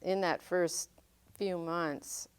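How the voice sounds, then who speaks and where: In an oral history interview, an elderly French-raised woman from northern Maine in the United States recalls the past in an unhurried, thoughtful way. She pauses a lot and says um frequently while collecting her memories. Her somewhat low voice comes across smooth, clear, and steady.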